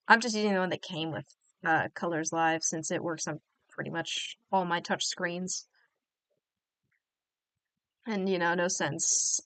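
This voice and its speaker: Bright, chatty young woman streamer. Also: on the low side, no echo. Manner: chatty, rambling, many fillers. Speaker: livestream host. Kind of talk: casual chat while drawing.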